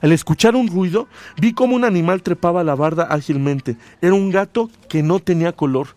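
Male radio host, higher pitch, dry studio mic, animated story reader. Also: brisk, no echo. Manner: expressive reading, voices quoted lines loudly. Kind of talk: dramatic story reading, then casual radio chat.

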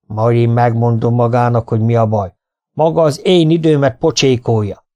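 A man doing a gruff, bossy old farmer. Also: mid-range voice, steady tone, warm tone, close to an everyday voice. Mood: scolding. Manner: growling, scolding, bossy. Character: gruff domineering older male farmer, towering. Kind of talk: audiobook character voice.

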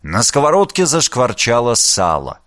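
Lively male audiobook narrator. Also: medium pitch, moderate pace, dry recording, studio quality. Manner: animated, theatrical reading.

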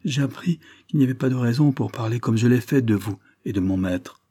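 A man's voice: mid-range voice, brisk, dark tone, natural voice. A man doing a fawning, scheming housekeeper. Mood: wheedling. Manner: fawning, then triumphant. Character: intriguing middle-aged housekeeper woman, spiteful.

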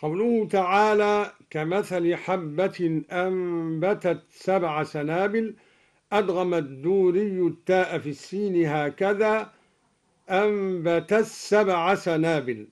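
A man from Egypt gives a measured broadcast religious lesson as a scholar, explaining reading variants and chanting short verses slowly to demonstrate them. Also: high-pitched, a little mellow.

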